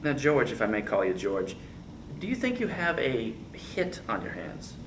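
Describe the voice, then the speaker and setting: Lively mock-formal male interviewer. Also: medium pitch, normal speed. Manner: mock-formal, over-polite, mugging. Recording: distant mic with faint hiss.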